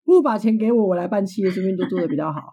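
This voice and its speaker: A woman's voice: medium pitch, rapid-fire, warm tone, breathy edge. A young woman, hosting a podcast in casual chat, blunt and swearing freely. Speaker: podcast host.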